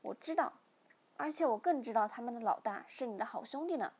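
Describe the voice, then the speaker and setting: A woman's voice: fairly high pitch, animated, fairly quick, a little mellow, husky. A woman voicing a stubborn young man who answers his father firmly in a read-aloud novel. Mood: annoyed. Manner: firm, defiant. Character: young male first-person hero, stubborn.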